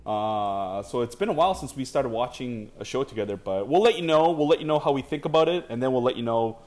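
A man co-hosting a casual podcast chat, talking in a relaxed, rambling way full of fillers. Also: mid-range voice, fast. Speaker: podcast co-host.

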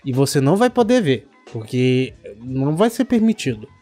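A man's voice: medium pitch, sing-song, moderate pace, mellow, faint music behind. A man with a Brazilian accent, ranting indignantly and sarcastically, with plenty of swearing, in a casual chat. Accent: Brazilian Portuguese.

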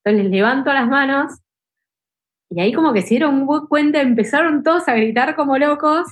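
Animated Rioplatense woman telling stories. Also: high voice, brisk. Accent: Rioplatense Spanish. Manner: animated, emotional, full of fillers like "tipo" and "este". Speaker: ultra trail runner guest. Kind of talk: casual podcast storytelling.

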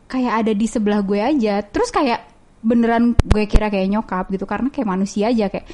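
A woman's voice: mid-range voice, a little fast, background noise. A woman from Medan telling a ghost story in casual chat, acting out the lines of the people in it. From Medan, Indonesia. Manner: animated storyteller who acts out quoted dialogue.

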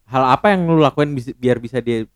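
A man's voice: medium pitch, brisk, no room sound, clean studio sound. A young man co-hosting a casual podcast chat, making joking, teasing remarks.

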